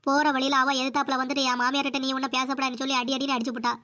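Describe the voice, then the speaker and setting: A woman's voice: high-pitched, level tone, very fast, sharp tone. A woman voicing an older cartoon mother-in-law who complains and whines, with a Kanyakumari Tamil accent. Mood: complaining. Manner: complaining, whiny.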